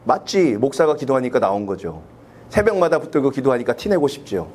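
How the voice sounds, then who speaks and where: A man's voice: mid-range voice, sing-song, darkish tone, a little hiss or hum. A man from South Korea, a pastor preaching a sermon in church, asking the congregation questions and acting out prayers. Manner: acts out quoted prayers in a raised, slowed voice. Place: church sanctuary.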